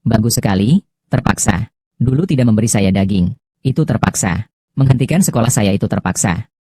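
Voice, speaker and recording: A man's voice: lowish voice, expressive, brisk, warm tone, husky, no echo, clean studio sound. A man voicing a wronged young woman who speaks bitterly and accusingly in dubbed drama dialogue.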